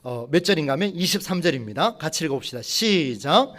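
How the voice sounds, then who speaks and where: A man preaching a sermon to his congregation, asking them questions and slowing down to read scripture aloud. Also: a little high, expressive, fairly bright tone. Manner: slows and rises when reading scripture aloud. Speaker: pastor.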